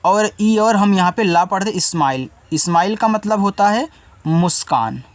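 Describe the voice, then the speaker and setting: A man teaching an English spelling lesson, patiently spelling each word out letter by letter and repeating each meaning twice. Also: dry recording. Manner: spells words out letter by letter slowly, then says the word lower and quieter.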